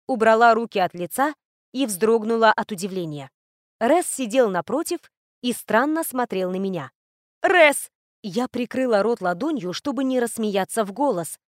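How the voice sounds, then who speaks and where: A woman narrating a first-person fantasy audiobook, lively and expressive in the dialogue. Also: a little high, no room sound, studio quality.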